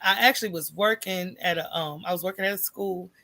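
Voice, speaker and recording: Lowish in pitch and fairly quick, this American woman is a guest on a podcast, telling stories candidly. She's animated, re-creates remembered dialogue, and keeps asking her listener "right?"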